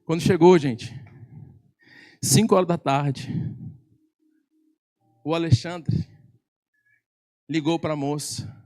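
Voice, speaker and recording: Brazilian pastor guy preaching, pretty high voice, animated and jokey, gets loud a lot. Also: takes it slowly, long pauses. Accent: Brazilian Portuguese. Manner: animated, teasing, often loud and raised. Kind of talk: sermon with storytelling. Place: church service.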